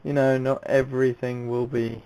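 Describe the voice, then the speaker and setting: A young man commentating on an amateur racing league, excitable and rambling, with many fillers and restarts. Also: medium pitch, normal speed, clean tone, low-quality recording. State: out of breath. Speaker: race commentator.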